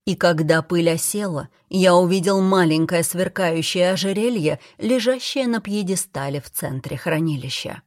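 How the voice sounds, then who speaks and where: A woman narrating a fantasy audiobook in the first person, in a measured, steady storytelling manner. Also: on the low side, dry recording, clean studio sound.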